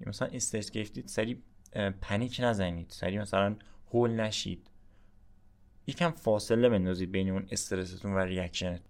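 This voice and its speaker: A man hosting a podcast, giving informal advice in a chatty, coaching way and often checking in with the listener. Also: lowish voice. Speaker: podcast host.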